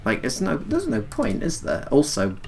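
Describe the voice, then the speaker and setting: A man in his forties talks wryly in a rambling, hesitant way. His voice is gravelly and his pitch moves a lot. Faint music plays underneath. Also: wildly swooping pitch, normal speed, a little mellow. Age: 40s. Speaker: stream host. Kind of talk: casual chat.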